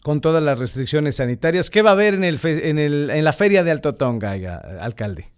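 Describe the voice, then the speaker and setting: A man's voice: fairly high pitch, lively intonation, a little fast, smooth. A man, hosting a radio interview, asking short, direct questions. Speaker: radio host.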